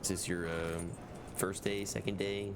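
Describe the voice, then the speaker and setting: A man playing a friendly lawman in an online roleplay, his voice slightly hoarse. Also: low voice, little pitch movement, unhurried. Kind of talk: in-character roleplay chat. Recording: game audio noise behind.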